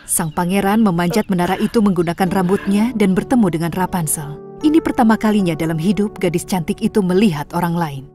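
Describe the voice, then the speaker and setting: A woman's voice: fairly low pitch, a little fast, dark tone. Woman narrating a cartoon fairy tale. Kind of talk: scripted storybook narration. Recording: studio voice-over with music bed.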